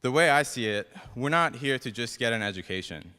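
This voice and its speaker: Young guy w/ persian accent giving a ceremony speech, bright clear voice, big echoey hall. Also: mid-range voice, lively intonation, a little fast. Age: young adult. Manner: self-deprecating, a little nervous. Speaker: dental student class president giving a speech. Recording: reverberant hall, PA-like echo.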